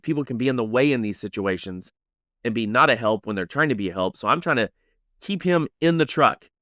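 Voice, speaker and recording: Animated male podcast storyteller. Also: mid-range voice, dry recording, clean studio sound. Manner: animated, many "like"s, acts out voices.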